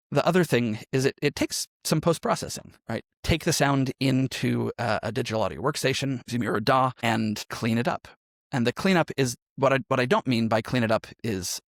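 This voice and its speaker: In clean, echo-free studio audio, a musician and role-playing game performer talks as a podcast guest. His mid-range voice carries a thoughtful, explanatory tone throughout the conversational interview.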